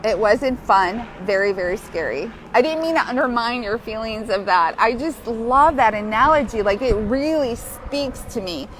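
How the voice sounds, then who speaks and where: A woman's voice: on the high side, expressive, normal speed, few pauses, fairly bright tone, a little hiss or hum. A woman hosting a live-streamed grief healing session outdoors while walking, talking in a heartfelt, chatty way and often breaking into laughter. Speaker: grief support host.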